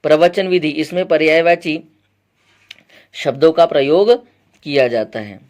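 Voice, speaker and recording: A male teacher giving an exam-prep lecture, explaining point by point, quizzing his students with repeated questions and often clearing his throat. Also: fairly high pitch, unhurried, a little mellow.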